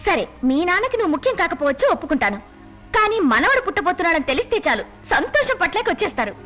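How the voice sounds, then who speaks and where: A breezy scheming friend. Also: female voice, very high voice, big pitch swings, rapid-fire, a bit bright, soft background music, heavily acted. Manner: breezy, confident. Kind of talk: dubbed film acting.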